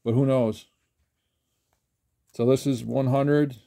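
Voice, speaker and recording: An older man talking casually while sorting trading cards, rambling with halting restarts. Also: medium pitch, fairly even intonation, gravelly, dark tone, no echo, studio quality. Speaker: trading card collector. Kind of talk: casual card-flipping commentary. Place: indoors at a table.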